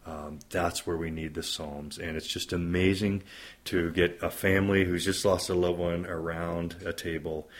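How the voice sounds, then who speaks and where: A pastor in his fifties talks in an earnest, reflective way during an interview, stacking up lists to make his points. His voice sits very low and has a husky, breathy edge. He keeps a thoughtful, steady delivery throughout. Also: normal speed. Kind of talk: interview conversation.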